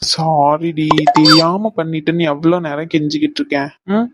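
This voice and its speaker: A woman's voice: deep voice, steady tone, moderate pace, very noisy, lightly acted. A woman voicing a pleading young cartoon husband. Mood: coaxing. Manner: coaxing, teasing and pleading. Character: young husband apologizing to his upset wife. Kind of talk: cartoon voice acting.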